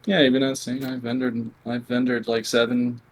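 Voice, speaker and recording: Male gamer guest, monotone and blunt, candid halting answers. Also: medium pitch, slightly rough, rough recording. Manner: quiet, near whispering at times. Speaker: interview guest, competitive gamer. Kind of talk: candid conversational interview.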